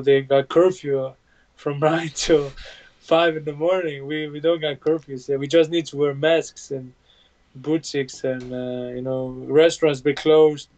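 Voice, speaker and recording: A man from Bosnia, a native Bosnian speaker, speaks in a steady, flat tone. His answers stop and restart around fillers. The sound is dull and lo-fi, like webcam audio from a room at home. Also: mid-range voice. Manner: plain halting speech with many fillers. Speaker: UFC fighter guest. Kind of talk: video call interview. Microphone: video call webcam. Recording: dull lo-fi video call audio.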